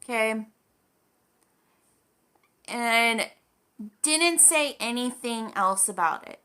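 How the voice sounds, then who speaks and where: A woman's voice: fairly high pitch, lively intonation, extremely slow, bright, forceful tone, clean tone. A woman vlogger telling a story in a casual, chatty way, full of "like" and acted-out quoted dialogue.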